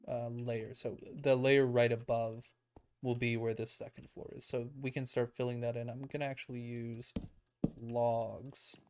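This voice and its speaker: A man casually commenting on his own gameplay as a streamer, relaxed and self-deprecating, thinking out loud and a little out of breath. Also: medium pitch, unhurried. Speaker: let's play streamer. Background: background music.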